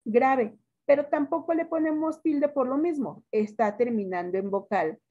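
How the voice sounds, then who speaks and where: A woman teacher with a Mexican accent, giving a classroom lesson, stretching words out slowly and quizzing her students. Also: high-pitched, warm tone, lo-fi sound.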